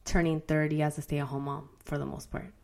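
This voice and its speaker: A woman in her thirties with a notably low voice, talking easily as a podcast co-host. Her talk is loose and chatty, and she laughs readily as she tells stories. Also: flat delivery, a little fast, vocal fry, a little mellow. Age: 30s. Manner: chatty, laughs easily, acts out her past self in raised voice. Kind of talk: casual chat.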